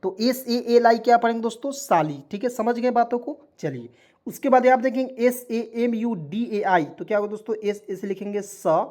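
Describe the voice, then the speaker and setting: A man's voice: very high-pitched, expressive, normal speed, darkish tone. Patient man spelling words letter by letter. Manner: repetitive, keeps checking in with viewers. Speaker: online teacher. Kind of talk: spoken lesson, spelling out words.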